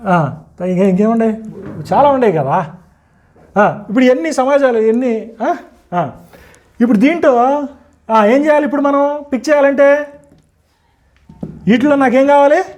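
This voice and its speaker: A man's voice: very high-pitched, unhurried, long pauses, a little mellow. A man teaching a group, constantly quizzing his listeners with rhetorical questions. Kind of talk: interactive teaching talk.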